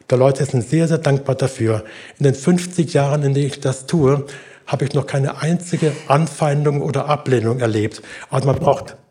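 An older man delivers a sermon. His voice is warm and mellow, sitting at a middle pitch. He speaks earnestly and encouragingly, and he acts out the voices when he tells a story. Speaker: preacher.

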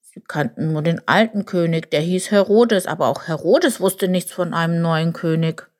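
A woman's voice: lowish voice, darkish tone, close to an everyday voice. Woman doing a grumbling old buffalo. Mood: grumbly. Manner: grumbling, slow, muttering. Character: old grumpy male buffalo, slow and forgetful.

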